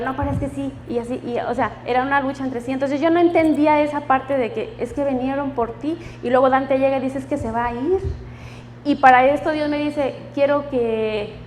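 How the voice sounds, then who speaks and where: A woman's voice: sits high, darkish tone, in a large hall, slight background noise. A woman giving her personal testimony in church, emotional and laughing often as she quotes the voices of God and friends.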